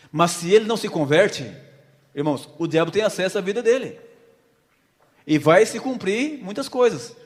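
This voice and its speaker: Preacher man in a reverberant hall. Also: sits high. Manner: storytelling, asks the congregation questions. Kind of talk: sermon with a volunteer illustration.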